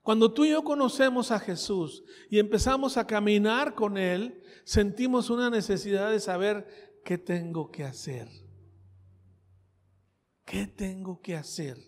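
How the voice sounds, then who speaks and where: A man's voice: high voice, measured pace. A man with a Mexican accent preaching a sermon with his own testimony, talking conversationally, repeating phrases and asking his listeners questions. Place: church. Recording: reverberant church hall.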